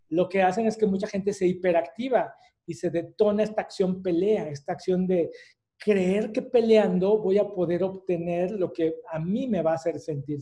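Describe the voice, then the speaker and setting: Man, Mexican accent, online lecture, fairly high voice, dark mellow tone. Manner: explanatory, with many fillers and rhetorical tags.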